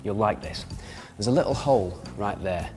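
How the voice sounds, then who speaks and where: A man's voice: on the low side, lively intonation, moderate pace, warm tone, long reverb tail, soft background music. A man hosting a TV prank show, chatty and jokey as he presents to camera.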